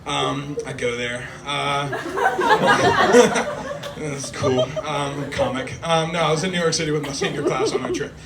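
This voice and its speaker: A man's voice: on the high side, big pitch swings, unhurried. A young man doing a self-deprecating stand-up set on a small club stage, acting out voices. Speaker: stand-up comedian. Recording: distant mic, loud crowd laughter.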